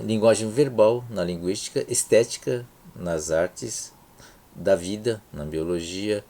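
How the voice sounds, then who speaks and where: Brazilian lecturer, deep gravelly voice. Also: male voice, dark tone. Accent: Brazilian Portuguese. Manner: unhurried, frequent "tá?" and "né?" check-ins, many restarts. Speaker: university lecturer. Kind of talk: recorded lecture over slides.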